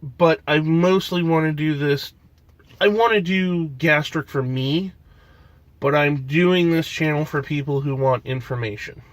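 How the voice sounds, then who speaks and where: A man's voice: fairly high pitch, a little slow, no echo. Stuffy-nosed man vlogging casually. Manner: rambling, with many fillers and restarts. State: stuffy nose. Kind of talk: casual vlog chat.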